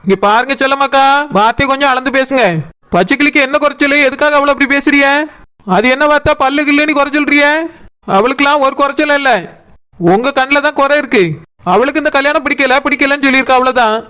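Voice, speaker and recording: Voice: high-pitched, fairly even intonation, fast talker, pushed and bright. A performer voicing a bold young woman who sells fish and stands up for her sister, retorting with a Kanyakumari Tamil accent. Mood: defiant. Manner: assertive, retorting. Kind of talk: cartoon voice acting.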